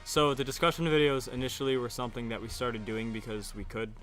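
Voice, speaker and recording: A man's voice: medium pitch, fairly even intonation, a bit bright. Laughing young man co-hosting a chat. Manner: laughs often, talks in quick bursts with fillers. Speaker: podcast co-host. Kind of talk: casual chat.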